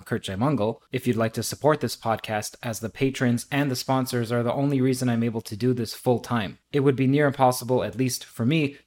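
A male podcast host reads a philosophical text aloud and stops to add his own commentary. His voice sits at an ordinary middle pitch, and his explaining is thoughtful and articulate.

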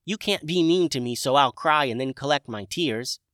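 A man voicing a tiny, cheerful female wood sprite with a squeaky voice. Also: moderate pace, a bit bright, no room sound, studio quality, lightly acted. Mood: chirpy. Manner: squeaky, chirpy.

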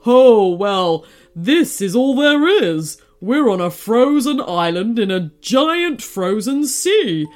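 A woman's voice: a little high, very animated, takes it slowly, hardly any pauses, darkish tone. A woman voicing a small, brave male cotton dog who speaks urgently and emphatically.

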